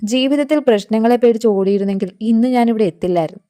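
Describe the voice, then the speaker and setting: A woman voicing a calm, firm, protective wealthy young husband in a storybook narration. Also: high-pitched, quick pace, close to an everyday voice. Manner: quiet and firm.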